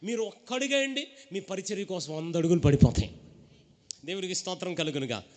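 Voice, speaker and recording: A man preaching a lively call-and-response sermon, acting out the characters of the story and urging the congregation to shout back. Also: sits high, a little fast. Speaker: pastor.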